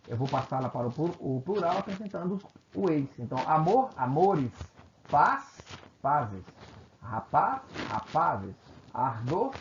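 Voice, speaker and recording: Brazilian guy teaching a grammar video, animated voice, kinda muffled lo-fi audio, bit of hiss. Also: on the high side. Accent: Brazilian Portuguese. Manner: explains step by step with frequent check-ins; self-correcting, repeats phrases. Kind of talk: recorded grammar video lesson. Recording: echoey room, muffled lo-fi sound with faint hiss.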